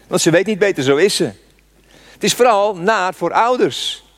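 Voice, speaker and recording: A man's voice: high-pitched, lively intonation, normal speed. A man in his sixties preaching a sermon, telling a personal story with fervent rhetorical questions. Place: church. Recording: long church reverb.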